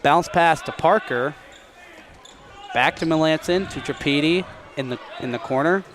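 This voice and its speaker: A man's voice: a little high, moderate pace, noisy background. A man giving informal, conversational live play-by-play commentary on a local basketball game. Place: courtside in a school gym.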